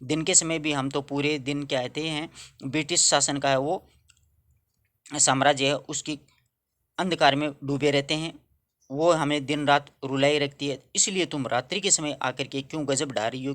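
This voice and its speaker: A male teacher works through a classic poem for school pupils. He recites a line, then unpacks it in everyday words and asks his listeners what it means before answering himself. His voice sits at an ordinary middle pitch. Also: fairly bright tone. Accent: Rajasthani-tinged Hindi. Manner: reads a verse, then explains it in plain words with questions to students. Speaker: Hindi literature teacher.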